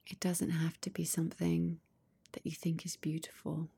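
This guided meditation is led by a low-voiced woman whose gentle, breathy delivery is almost a whisper. She moves slowly and calmly, with lengthy silences between brief phrases.

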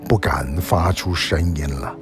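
A man narrating a children's storybook in a gentle, animated storytelling manner. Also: rumbling low, a little slow, soft background music.

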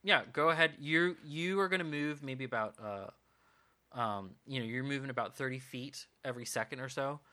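A man's voice: medium pitch, moderate pace, sharp tone. A man narrating a tabletop game as game master, rambling with lots of ums and uhs.

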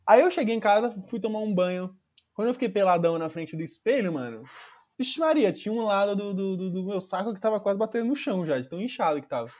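A man's voice: sits high, expressive, fast, darkish tone, muffled recording. A man telling a funny personal story in casual, slangy chat, swearing freely and acting out the people in it. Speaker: podcast storyteller.

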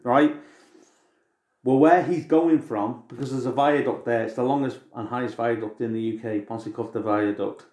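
English bloke chatting casually on a podcast, mid pitch, loose and informal, room echo behind him. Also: male voice, steady tone, normal speed, a little mellow. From England. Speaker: podcast co-host. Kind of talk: casual chat.

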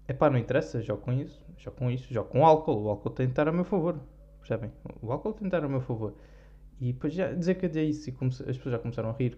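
A man's voice: medium pitch, warm tone, lo-fi sound. A young man from Portugal with a European Portuguese accent, telling a rambling, self-deprecating story on his podcast, full of fillers. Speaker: podcast host. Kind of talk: casual storytelling chat.

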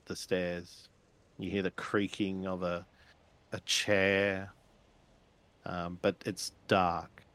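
A man narrates a tabletop game as game master, feeling his way through descriptions with pauses and fillers. His voice is lowish and gravelly. He talks slowly. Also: fairly bright tone. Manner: hesitant, descriptive, many fillers.

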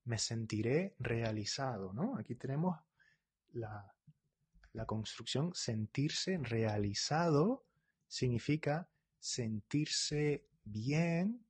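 During a livestreamed Spanish class, a male teacher with a husky middle-pitched voice reads out incoming comments and corrects them on the spot. He speaks rapidly and animatedly, often tagging sentences with "¿vale?".

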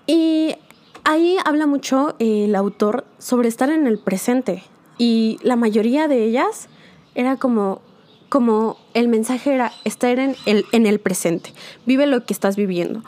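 A young woman with a slightly high voice hosts a casual solo podcast. She speaks in a chatty, confiding way to her listeners. She keeps checking in with them and mixes in English words along the way. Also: a little mellow. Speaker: podcast host.

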